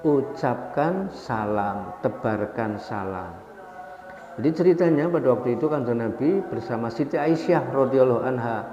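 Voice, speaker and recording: Man preaching in an echoing hall. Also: expressive. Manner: leads the audience in slow chanted recitation; storytelling with rising pitch on stressed points. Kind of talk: sermon to a congregation. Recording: echoey hall, dull sound, faint background noise.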